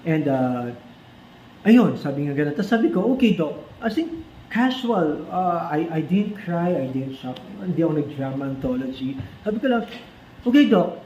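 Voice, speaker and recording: A man with a Filipino accent tells a personal story in a casual style, switching between Tagalog and English with frequent restarts. His voice is fairly high but mellow. It is recorded in an echoey room on slightly dull audio with faint noise behind it. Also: expressive, moderate pace. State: forgetful since treatment. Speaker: vlogger recounting his cancer diagnosis.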